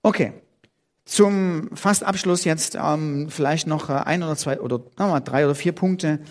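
A middle-aged man preaching a sermon as pastor, talking conversationally with many fillers and lively quoted voices. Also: a little high, moderate pace. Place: church hall. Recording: long reverb of a church hall.

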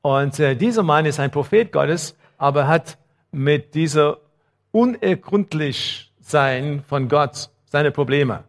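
A man's voice: lively intonation, takes it slowly. A male pastor giving a sermon, talking conversationally to the congregation with many fillers and growing emphatic on scripture passages. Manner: emphatic, rising in pitch and volume on quoted laments.

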